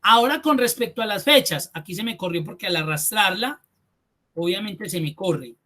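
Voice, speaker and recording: A man's voice: high voice, animated, normal speed, bright, forceful tone. A man teaching an online spreadsheet class. He explains step by step, repeats key points and thinks aloud. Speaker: spreadsheet course instructor.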